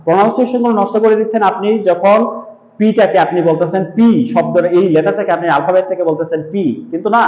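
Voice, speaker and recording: A man with a high voice gives a spoken grammar lesson. He explains patiently, repeats his cue words and drills short example sentences one by one. The sound is roomy and a little dull, with a long reverb tail. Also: racing, darkish tone. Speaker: English teacher.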